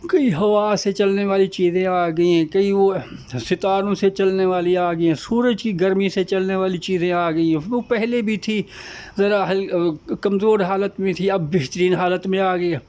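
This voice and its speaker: A man's voice: sits high, fairly even intonation, darkish tone, clean tone. A man giving a casual, rambling monologue as host, piling up repeated phrases and lists.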